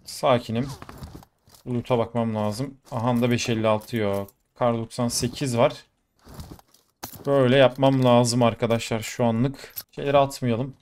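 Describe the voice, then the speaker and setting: A young man commentating his own gameplay live, excitable and quick to exclaim and swear in the middle of fights. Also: medium pitch. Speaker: gaming YouTuber. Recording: faint game noise behind. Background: gunfire from the game.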